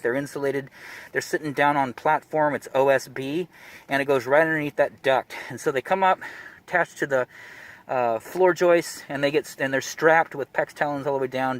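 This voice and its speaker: A man's voice: medium pitch, steady tone. A man, a plumbing contractor, giving a casual, rambling job-site walkthrough in a cramped attic, out of breath behind a mask. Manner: quick, rambling, with fillers and restarts.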